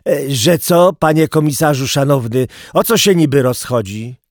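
A man's voice: medium pitch, normal speed, no room sound, clean studio sound, voice pushed up, close to an everyday voice. A man voicing a servile petty pickpocket who talks in folksy slang, in an audiobook. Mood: wheedling. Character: cocky street pickpocket, wheedling petty thief.

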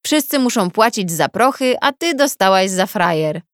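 A woman's voice: medium pitch, animated, moderate pace, dry recording, clean studio sound, close to an everyday voice. A woman reader voicing a brash, mocking female prisoner who talks in crude slang. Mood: brash teasing.

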